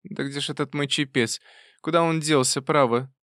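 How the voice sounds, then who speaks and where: A man voicing a brisk, bossy old aunt with a fussy, chiding, loud manner. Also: fairly high pitch, steady tone, dry recording, studio quality, pitched above the performer's own voice, close to an everyday voice.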